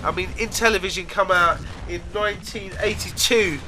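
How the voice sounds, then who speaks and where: A stuffed-up, pinched-nose British man talks in a fairly high and strikingly sharp voice. He has a head cold and chats informally as a gaming host, rambling along in slang. There is faint noise behind him. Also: moderate pace. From United Kingdom. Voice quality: nasal, blocked-nose sound as if nose is pinched. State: congested with a cold. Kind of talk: casual chat over gameplay.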